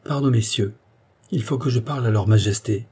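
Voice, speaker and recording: Brooding aristocratic officer, read by a man, steady and mellow. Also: fairly low pitch, a little fast, husky. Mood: firm. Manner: calm, firm and melancholy. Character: grave, brooding nobleman officer, male, middle-aged.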